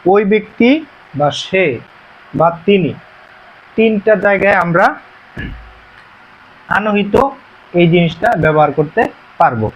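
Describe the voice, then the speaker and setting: A man teaching a beginner language lesson, explaining slowly and repeating himself, with frequent "ah" fillers. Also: high voice. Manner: slow, repetitive explaining with many pauses and "ah" fillers. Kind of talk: classroom-style lesson. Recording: dull, muffled recording.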